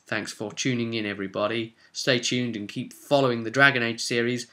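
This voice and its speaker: A British man with a mid-range, steady voice speaks a little fast, his tone pushed and bright. He's a game master hosting his own vlog, rambling casually and unscripted, chatty and thinking out loud.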